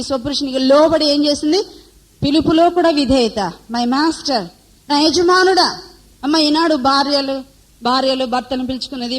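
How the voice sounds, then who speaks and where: High-voiced woman preaching. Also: poor audio. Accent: Telugu. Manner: asks the audience questions and answers them. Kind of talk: sermon to a women's conference.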